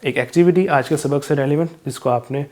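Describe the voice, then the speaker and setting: Male teacher, Pakistani accent, slightly high voice, patient step-by-step explaining with slow drawn-out recitation. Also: darkish tone. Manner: explains rules step by step, then recites verses slowly and drawn out. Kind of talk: Quran recitation lesson for children.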